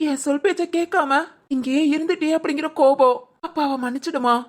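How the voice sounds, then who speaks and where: A high voice of a repentant middle-aged father, as a woman acts him out. He speaks gently and apologetically. This is cartoon voice acting. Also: a little fast, natural voice. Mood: remorseful.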